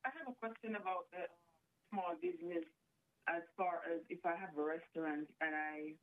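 A woman calling in to a radio show with a question, speaking hesitantly with many pauses and restarts. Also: lowish voice. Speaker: caller. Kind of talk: call-in question. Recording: tinny phone line.

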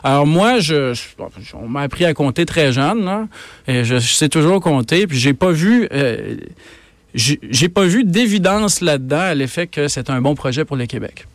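Emphatic Québécois man, slightly high voice. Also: animated, moderate pace, dry recording. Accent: Québécois French. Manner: emphatic, argumentative, frequent repetitions. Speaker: economics columnist and professor, guest. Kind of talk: radio interview.

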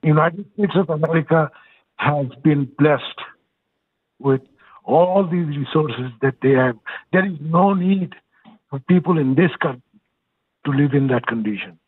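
Over a tinny phone line, a nonprofit executive director from Bangladesh, a man in his sixties, joins a casual interview remotely as the guest. His slightly high, breathy voice keeps a measured pace, earnest and accented, with hesitant restarts. There's no room sound in the recording.

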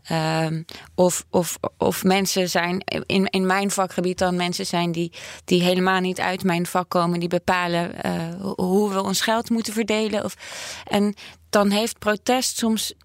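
A woman's voice: lowish voice, level tone, measured pace, dry recording, clean studio sound. Thoughtful woman in her thirties. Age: 30s. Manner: thoughtful, searching, candid. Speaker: host. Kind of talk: casual conversation.

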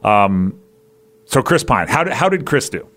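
A man's voice: mid-range voice, very animated, measured pace, a bit bright. A man hosting a podcast, casually chatting through a movie review in a rambling way, with restarts and fillers. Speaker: podcast host.

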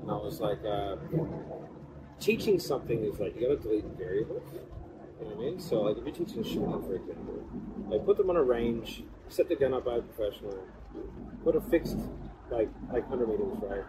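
A man's voice: lowish voice, lively intonation, a little fast. A man in a casual podcast chat, talking in a rambling, informal way. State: cold, in an ice bath. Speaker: podcast speaker. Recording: clearly noisy background hum.

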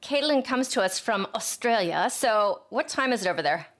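A woman's voice: medium pitch, lively intonation, normal speed, fairly bright tone. An American woman hosting a podcast in a casual, chatty, slangy way. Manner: informal, slangy, addresses listeners as friends. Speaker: podcast host.

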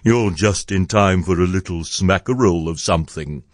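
A man voicing an amiable, slow-witted toy bear in a children's storybook, speaking in a simple, earnest, ponderous way. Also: sits low, no room sound, studio quality, natural voice. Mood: happy, amiable. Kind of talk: children's storybook character reading.

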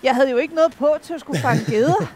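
A woman, chatting casually and telling small anecdotes while out by the water. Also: a little mellow. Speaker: angler. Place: outdoors by the water. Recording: outdoor ambient noise, vehicle rumble.

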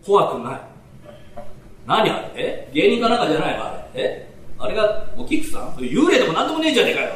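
Rough, excitable Edo townsmen, played by a male storyteller trade slangy banter. The voice jumps up and down with lively swings. It echoes from a distant mic in a hall. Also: high-pitched, brisk. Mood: chatty. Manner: rough, slangy street talk. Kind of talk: rakugo character dialogue.

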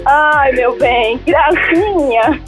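A woman in her twenties speaking over a landline phone during a live radio call, gushing with excited exclamations. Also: high voice, drawn-out words, loud music behind the voice. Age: 20s. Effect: heard over a landline phone line. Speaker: listener on the phone.

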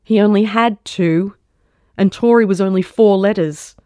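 Woman narrator for a literary audio short story; steady, sorrowful reading, recorded dry and close. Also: mid-range voice, moderate pace, dry recording. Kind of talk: scripted first-person narration.

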